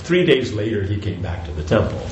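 An older spiritual teacher rambles through a devotional lecture in a lowish, darkish voice, speaking a little fast with a sing-song lilt. He restarts often, drifts into asides and says "you know" a lot, in an echoey room with faint noise.

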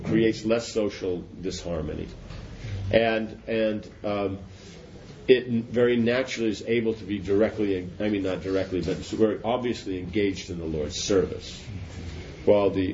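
A man talks through spiritual ideas in a loose, rambling way, circling back and checking that his listeners follow. His voice sits low and mellow. The recording is dull and lo-fi with a faint hiss behind it. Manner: rambling, repeats and restarts, asks "does that make sense?". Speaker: spiritual teacher. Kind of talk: informal philosophical discourse.

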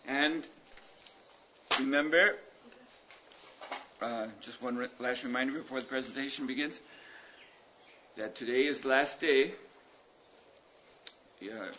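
A man leading a class, giving announcements in a measured way with pauses and fillers. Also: medium pitch, pushed and bright. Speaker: class leader. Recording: muffled recording with background noise.

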